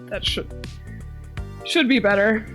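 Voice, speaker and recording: A woman's voice: mid-range voice, slow, fairly bright tone, soft background music. A young woman streaming live and chatting casually, swearing often.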